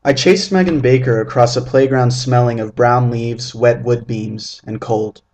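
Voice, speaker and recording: Man in his twenties, author reading his own story, measured delivery, vivid descriptive prose, medium-pitched voice. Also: fairly even intonation, darkish tone. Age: 20s. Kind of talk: literary first-person story reading.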